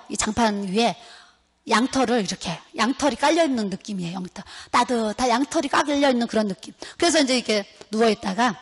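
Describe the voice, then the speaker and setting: A woman's voice: a little high, slightly rough. A middle-aged woman, a pastor's wife, giving a testimony sermon at a seminar, telling her story vividly and acting out the prayers and dialogue she quotes. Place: retreat center hall. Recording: long hall reverb.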